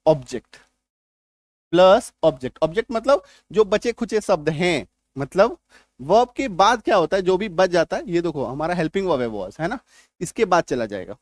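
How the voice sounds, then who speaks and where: A man with a high voice teaches grammar, walking through each step and pausing often to ask if it is clear. The recording is dry and close, with no room sound. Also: darkish tone, no room sound. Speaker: English teacher. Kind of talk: grammar lesson.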